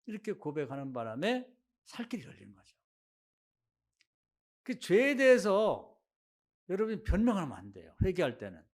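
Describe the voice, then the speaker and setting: A man preaching a Sunday sermon as pastor, telling Bible stories in an animated way and acting out their speakers. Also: high-pitched, normal speed, long pauses. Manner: animated storytelling, acting out biblical quotes. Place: church sanctuary.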